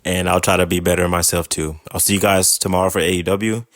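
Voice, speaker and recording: A man's voice: low voice, flat delivery, fast, fairly bright tone. A man hosting a podcast, giving a casual recap of a wrestling show in an exasperated, sarcastic, rambling way. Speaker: podcast host.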